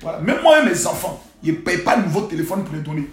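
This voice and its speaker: Man, high-pitched, preachy live-stream scold, phone mic in an echoey room. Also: sing-song, quick pace. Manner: preachy, scolding rants with loud outbursts and sudden quiet asides. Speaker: livestream host. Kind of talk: live social-media monologue. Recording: roomy echo.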